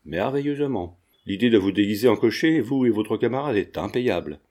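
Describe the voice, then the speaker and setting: Narrator voicing a staid notary, measured, approving, mellow. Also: male voice, lowish voice, animated.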